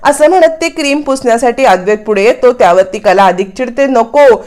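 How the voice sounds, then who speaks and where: A woman narrator casually retelling a serial's episode in a brisk, lively way. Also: on the high side. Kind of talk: casual storytelling recap.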